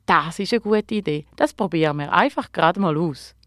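Casting: a bright, curious young girl with a lilt, lively and higher voiced, as a woman puts her on. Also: normal speed, dry recording, studio quality, close to an everyday voice. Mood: helpful.

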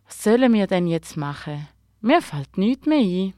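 Casting: a bright, curious young girl with a lilt, lively and higher voiced, as a woman puts her on. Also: measured pace, no echo, clean studio sound. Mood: worried.

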